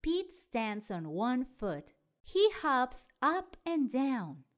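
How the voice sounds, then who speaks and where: A woman narrating children's storybooks in an expressive way aimed at young listeners. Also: sits high, very slow. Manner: expressive, child-directed delivery. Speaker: storyteller and show host.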